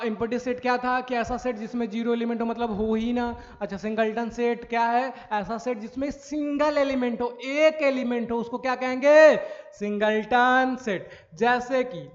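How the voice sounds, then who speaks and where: A man's voice: very high voice, fairly even intonation, moderate pace. A man teaching maths in a recorded lecture, explaining step by step, asking questions and answering them himself, and often checking whether students follow. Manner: frequent checks for understanding. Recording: dull lo-fi audio in a reverberant room.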